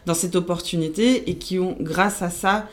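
A young woman from Argentina whose first language is Spanish, speaking with a low voice. She answers questions in a relaxed interview, often pausing on fillers and restarting her sentences. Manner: hesitant, many fillers and restarts. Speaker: senior account manager. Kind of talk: casual interview.

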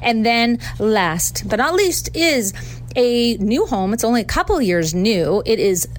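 A woman with a Canadian accent, a real estate agent hosting a radio show, gushing enthusiastically as she pitches properties. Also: big pitch swings, measured pace. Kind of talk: radio show chat about property listings. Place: radio station studio.

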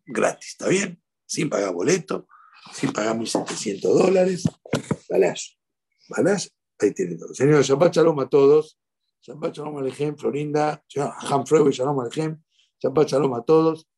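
Gravelly Argentine rabbi, husky and animated. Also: male voice, fairly high pitch, normal speed. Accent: Rioplatense Spanish. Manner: emphatic, preachy, with repetitions and Hebrew phrases. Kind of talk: weekly Torah portion talk. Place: outdoors at sunrise.

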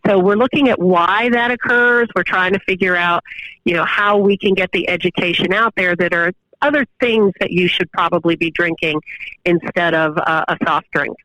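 A woman professor answering interview questions over the phone, explaining at length with pauses and fillers. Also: lowish voice, sharp tone, dry recording. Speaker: guest professor of exercise science. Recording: dull, muffled phone line.

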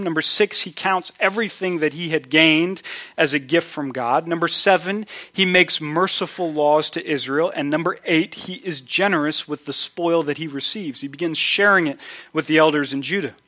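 Pastor guy preaching a sermon, bright tense voice, kinda high for a man, earnest. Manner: earnest preaching, lively storytelling with acted-out quotes.

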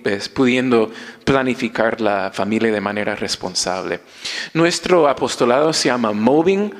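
A male priest preaching a sermon. He halts and restarts often, then builds to fervent preaching. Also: medium pitch. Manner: halting with many restarts, rising to fervent preaching. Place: church. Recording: long church reverb.

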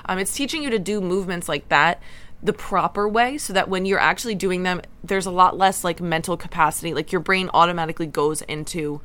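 Young woman, fitness podcast co-host, lowish voice, chatty, loose and filler-heavy. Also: a little fast, a bit bright. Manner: chatty, explains with everyday examples, many fillers. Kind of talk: casual fitness podcast chat.

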